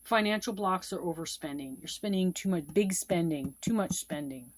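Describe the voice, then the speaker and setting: A woman's voice: fairly low pitch, normal speed, a little hiss or hum. A woman casually teaching card-reading meanings, repeating each point with fillers and asides. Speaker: tarot and Lenormand card reader teaching. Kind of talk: casual instructional explanation.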